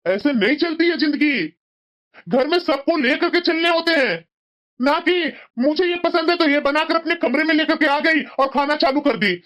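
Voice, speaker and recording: A stern young husband in a cartoon who keeps lecturing his wife about family duty. The voice sits fairly high for the part, with a scolding, righteous tone. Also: moderate pace, fairly bright tone, highs cut off. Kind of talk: Hindi cartoon voice acting.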